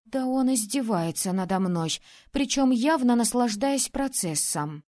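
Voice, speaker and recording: A woman narrating a first-person audiobook, expressive, acting out the heroine's outbursts. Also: on the high side, measured pace. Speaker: audiobook reader.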